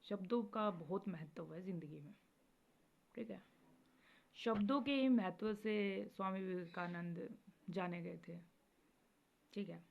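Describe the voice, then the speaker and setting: Gravelly woman giving gentle spiritual advice. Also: on the low side, a little slow, pauses often. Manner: gentle, repeats "theek hai" often. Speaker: spiritual video host. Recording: dull lo-fi recording with faint noise.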